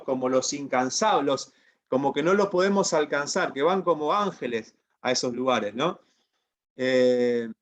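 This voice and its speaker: A man teaching a Bible institute class over a video call, in a preacherly manner that keeps asking students to agree. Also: a little high. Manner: preacherly, asks the class for assent. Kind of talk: online class lecture.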